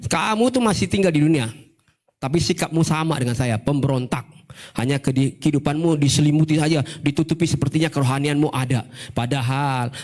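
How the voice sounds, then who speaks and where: A mocking devil sneers and fires scornful questions, as a male preacher puts him on in his sermon. The voice sits fairly high for a man and has a taunting, challenging edge. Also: lightly acted.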